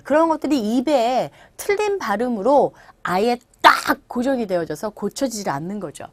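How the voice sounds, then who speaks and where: A middle-aged woman runs an English lesson, chatting with her listeners and coaching them through pronunciation drills. Her voice sits somewhat high and swings widely in pitch. The recording is dry and close. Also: no echo. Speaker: English teacher.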